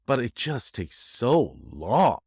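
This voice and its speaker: A man's voice: medium pitch, big pitch swings, slow pace, darkish tone, breathy edge, no room sound, studio quality. A man congested from a head cold, giving a casual, rambling update to viewers in a joking, self-deprecating way. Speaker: YouTuber giving a channel update.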